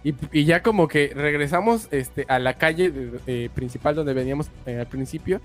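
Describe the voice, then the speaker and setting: A young man with a Mexican accent, a streamer casually telling a story in slangy, animated speech, dropping "güey" all the time. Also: fairly high pitch, moderate pace, faint music behind. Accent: Mexican Spanish.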